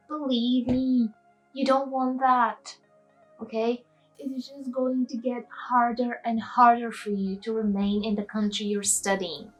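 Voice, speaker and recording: A woman's voice: on the high side, low-quality recording. Passionate, preachy woman vlogger from Eastern Europe. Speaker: study abroad vlogger. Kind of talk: opinionated vlog rant.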